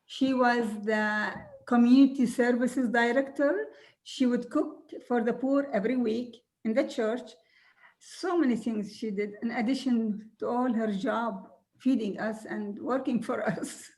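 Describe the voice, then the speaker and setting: An older woman from Jordan, a native Arabic speaker, telling her life story slowly and earnestly, with soft laughs now and then. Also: on the high side. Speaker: guest speaker. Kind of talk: recorded video conversation.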